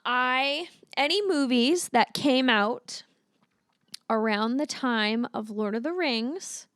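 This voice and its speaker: Female podcast co-host, chatty and opinionated, a bit high-pitched, dry close recording. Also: slow, a bit bright, no echo. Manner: chatty, opinionated, swears casually. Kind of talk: casual movie review chat.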